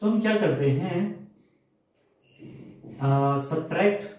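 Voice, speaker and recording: A man teaching a maths lecture, explaining step by step and often pausing to ask if students follow. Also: high-pitched, darkish tone. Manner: explains step by step, asks rhetorical check questions. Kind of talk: classroom lecture. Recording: very echoey room.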